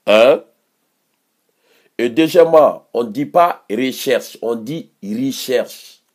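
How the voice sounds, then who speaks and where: A man with a Malian accent giving heated political commentary, combative and mocking, repeating phrases for emphasis. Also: fairly low pitch.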